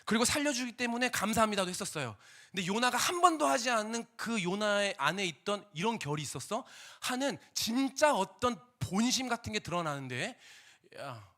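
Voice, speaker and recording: Lively, bright-voiced young male preacher. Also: high voice, fairly quick. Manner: animated, acts out quotes with wide jumps from whisper to shout. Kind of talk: sermon.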